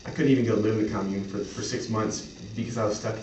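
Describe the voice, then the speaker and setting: A man improvising a sales pitch as a representative, speaking in an earnest, accommodating and halting way. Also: steady tone, darkish tone. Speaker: clinic representative in an improvised role-play. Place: echoey room, mic at a distance. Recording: roomy, distant mic, faint noise.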